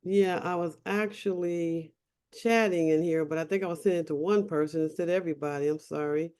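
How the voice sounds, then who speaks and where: A woman's voice: fairly low pitch, fairly even intonation, a little fast, a little mellow, clear, resonant tone. A woman hosting an online meeting, friendly and chatty, inviting questions. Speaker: meeting host. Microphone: video call.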